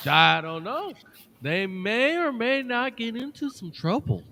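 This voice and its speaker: Man, live DJ and tabletop player, slow drawl, gravelly, high bright voice. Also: big pitch swings, a little hiss or hum. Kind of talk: casual game chat.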